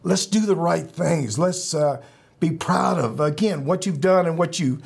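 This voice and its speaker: Husky, higher-pitched man, halting and emphatic. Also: darkish tone. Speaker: podcast host; military veteran. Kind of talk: earnest podcast sign-off addressed to listeners.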